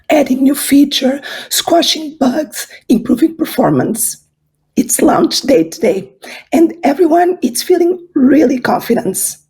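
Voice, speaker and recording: A woman with a hoarse voice, having lost it the day before, giving an earnest conference talk as a speaker. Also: high-pitched, dark tone. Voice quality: husky. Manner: earnest, storytelling. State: hoarse, losing her voice.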